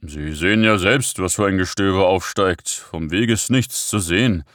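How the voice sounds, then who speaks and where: A man voicing a huge, sullen sleigh driver who answers in a gruff, sluggish way. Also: low-pitched, moderate pace, a bit bright, dry recording, studio quality. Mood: grumbling.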